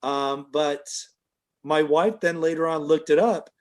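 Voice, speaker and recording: A man's voice: a little high, measured pace. Rambling middle-aged storyteller man. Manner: rambling, many fillers, lively when quoting others. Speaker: interview guest. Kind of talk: casual storytelling.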